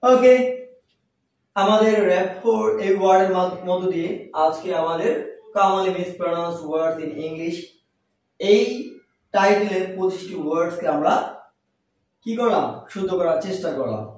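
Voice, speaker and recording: Man, high voice, english pronunciation lesson, quizzing style, far from mic, heavy room echo. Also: a little slow, long pauses, darkish tone. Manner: asks rhetorical questions then repeats the answer. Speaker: English teacher.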